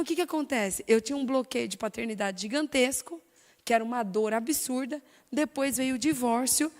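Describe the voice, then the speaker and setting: A woman with a Brazilian Portuguese accent giving an animated, emphatic talk on stage, sharing her own story. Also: a little high. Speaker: speaker sharing testimony. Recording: long hall reverb.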